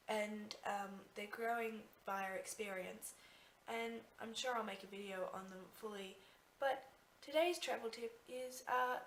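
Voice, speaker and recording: Female Australian travel vlogger, young, higher-pitched, chatty and rambling, captured on an echoey handheld phone. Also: slight background noise. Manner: informal, rambling, self-interrupting. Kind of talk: casual vlog chat.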